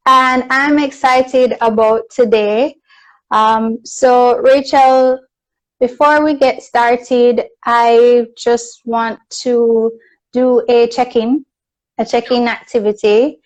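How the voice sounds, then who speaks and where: A woman with a Jamaican accent hosting a casual live video chat, friendly and quick to laugh. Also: fairly high pitch, fairly even intonation, low-quality recording. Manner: friendly, laughs easily, slow and deliberate. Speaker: host. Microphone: video call.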